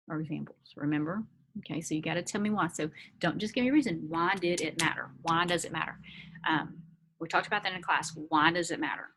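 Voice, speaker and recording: Woman, teacher, slightly low pitch, patient explaining, casual asides, recorded lesson. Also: fairly bright tone. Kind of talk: recorded remote reading lesson.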